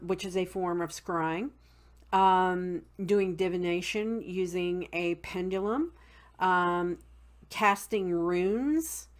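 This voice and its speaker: A woman with a Southern US accent explains seasonal customs in a casual teaching talk, stopping often on "um" and spelling words out letter by letter. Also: on the low side. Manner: unhurried, many ums, spells words out. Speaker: host.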